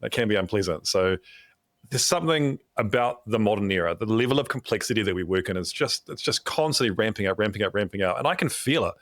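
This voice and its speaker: Male podcast host, lowish voice, reflective and earnest conversation, close dry recording. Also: lively intonation, fast talker, fairly bright tone, no echo. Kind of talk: reflective conversational interview talk.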